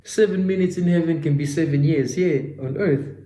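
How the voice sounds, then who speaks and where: Speaking at a moderate pace in a slightly high, mellow voice, a self-development vlogger in his twenties gives a motivational talk rooted in faith. The sound is roomy, and his delivery is preachy and repetitive, with "my guy" aimed at himself and the listener alike.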